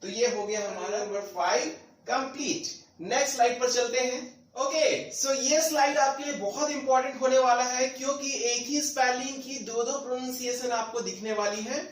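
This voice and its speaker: A man's voice: very high voice, fairly even intonation, normal speed. A man teaching English pronunciation rules from slides, spelling letters out one by one and mixing English terms into his Hindi explanation. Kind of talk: slide-based phonics lesson. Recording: echoey room, voice from a distance.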